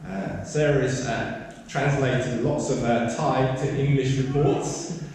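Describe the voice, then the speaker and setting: A man giving a missionary report to an audience. His voice is mid-pitched and hesitant, full of ums and restarts. He is heard from well back in a large hall with a long, booming echo. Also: fairly even intonation, slow, darkish tone. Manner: hesitant, many fillers and restarts. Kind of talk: informal spoken report to a gathering. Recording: echoey hall, mic far off, faint noise.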